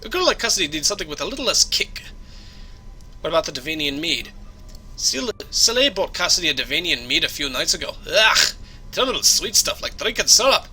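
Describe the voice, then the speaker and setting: A man's voice: fairly high pitch, big pitch swings, a little fast, pushed and bright, soft background music, voice pushed up, full character voice, low-quality recording. A man voicing a hearty male Scottish starship engineer who loves his whisky, in a put-on Scottish accent. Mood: grumbling. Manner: hearty, blustery, rolling brogue.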